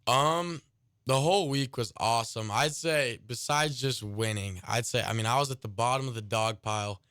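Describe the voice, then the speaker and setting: Smooth-voiced teenage guy telling a story. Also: medium pitch, moderate pace, fairly bright tone, no echo, studio quality. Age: late teens. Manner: rambling, many "like" and "I mean" fillers. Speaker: high school baseball pitcher. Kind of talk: casual storytelling interview. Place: radio studio.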